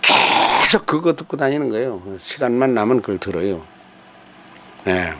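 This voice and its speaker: A man's voice: mid-range voice, animated, normal speed, sharp tone, slight background noise. An older man hosting a talk, speaking in a folksy, digressive way with hesitant fillers and rhetorical asides. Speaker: host giving a talk on character and family. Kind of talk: rambling spoken commentary.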